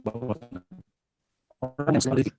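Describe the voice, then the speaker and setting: A man from South Sumatra asking a question on a video call, his audio choppy and breaking up into halting fragments. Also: mid-range voice, fairly even intonation, music in the background. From South Sumatra, Indonesia.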